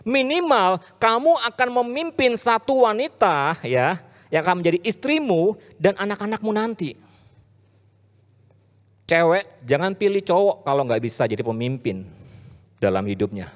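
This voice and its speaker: A man with an Indonesian accent preaching a casual youth sermon, swinging from loud hype to low, earnest talk. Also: sing-song, moderate pace, long pauses. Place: church hall. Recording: reverberant church hall.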